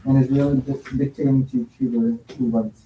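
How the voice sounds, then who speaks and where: A man reading stage directions aloud in a classroom, halting and stumbling over words. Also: mid-range voice, level tone, noisy background. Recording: echoey classroom from a distance.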